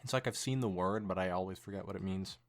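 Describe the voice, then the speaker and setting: Talking fast in a low voice, a man co-hosting a podcast gives a dramatic read-aloud of fan fiction. He stumbles now and then and breaks off into casual conversation.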